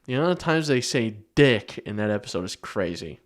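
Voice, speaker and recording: Rambling and cursing in relaxed podcast banter, this young co-host keeps starting his sentences over. He speaks briskly in a lowish, sing-song voice.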